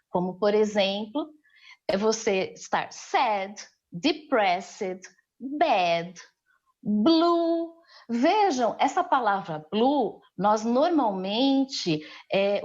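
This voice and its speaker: A Brazilian woman teacher explains an English lesson slowly and with care, often pausing to check that her students follow. Her voice sits a little high and comes through somewhat dull and lo-fi. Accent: Brazilian Portuguese. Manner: patient, explanatory, frequent "né?" check-ins. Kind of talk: remote class lesson.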